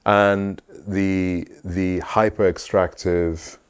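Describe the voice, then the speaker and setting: A man's voice: low voice, little pitch movement, very slow, clean tone. A man speaking passionately and emphatically in a casual conversation, often asking "right?". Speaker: host, photographer.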